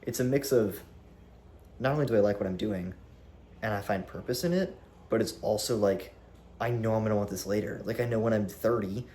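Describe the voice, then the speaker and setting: Lively young man chatting at the camera. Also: lowish voice, a little fast, slight background noise. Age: young adult. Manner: animated, swearing, rambling with restarts. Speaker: vlogger. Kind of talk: casual talk to camera. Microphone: camera on tripod.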